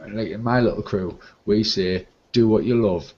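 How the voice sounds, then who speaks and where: A man's voice: fairly low pitch, steady tone, moderate pace. A man cutting in bluntly and swearing during a casual group discussion. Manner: brash interjecting, swears, laughs along. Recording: dull lo-fi recording.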